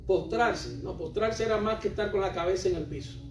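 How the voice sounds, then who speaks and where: Male preacher, high voice, emphatic and repetitive, recorded off-mic in an echoey church hall. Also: a little fast, slight background noise. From Cuba. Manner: emphatic and repetitive, questions the congregation directly. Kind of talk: sermon. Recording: roomy hall, voice from a distance.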